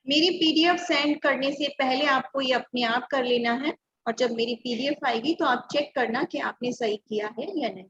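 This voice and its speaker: A woman's voice: sits high, normal speed, a bit bright, slightly rough, lo-fi sound. A woman teacher giving an online class, patiently spelling out words letter by letter. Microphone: computer or phone mic on a video call.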